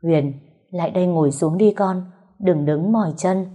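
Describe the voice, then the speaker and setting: A worried, middle-aged mother-in-law, voiced by a woman, speaks, coaxing and soothing. Her voice sits low and mellow. It carries a soft husky edge. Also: moderate pace. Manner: urgent, then coaxing and soothing.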